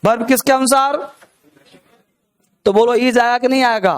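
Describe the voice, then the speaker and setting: Teacher in a classroom, man with a very high, smooth, clear voice who keeps quizzing his students. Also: fairly even intonation, measured pace. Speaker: English grammar teacher. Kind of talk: live classroom lecture.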